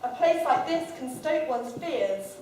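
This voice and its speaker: A woman playing a swaggering but hapless dandy highwayman, declaiming rhymes theatrically in a stage pantomime. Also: lively intonation, measured pace, mellow. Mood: boastful, rueful. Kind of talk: rhyming stage pantomime monologue to audience. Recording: echoey hall, distant mic, crowd noise. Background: audience noise.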